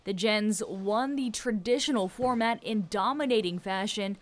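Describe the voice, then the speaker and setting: A woman reading a scripted sports recap voice-over, in an even tone. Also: medium pitch, normal speed, background noise. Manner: even, reads scores and results. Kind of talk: scripted narration.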